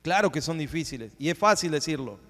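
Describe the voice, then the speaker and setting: A man pastor preaching a sermon, rising into emphatic swells and dropping into hushed asides. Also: on the high side, animated, fast. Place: church sanctuary. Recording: long church hall reverb.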